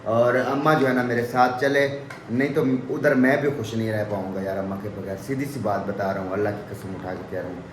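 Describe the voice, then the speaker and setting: A man's voice: fairly low pitch, little pitch movement, a little fast, slight background noise. A young man from Pakistan speaking with a tinge, vlogging casually to camera in an earnest, pleading way. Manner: earnest, pleading, repeats "okay?" tags. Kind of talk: casual vlog talk to camera.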